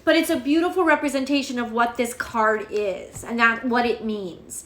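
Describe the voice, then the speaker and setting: A woman's voice: fairly high pitch, normal speed, a bit bright, echoey room. A woman giving a casual, rambling tarot reading to camera, emotional and chatty, swearing freely. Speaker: tarot reader.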